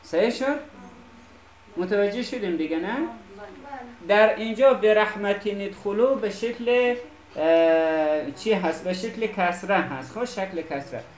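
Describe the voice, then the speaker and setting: A man's voice: sits high, animated. A man teaching an Arabic reading lesson, patiently checking that students follow. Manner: patient, checks understanding with repeated questions. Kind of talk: classroom Quran reading lesson. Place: classroom. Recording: echoey classroom.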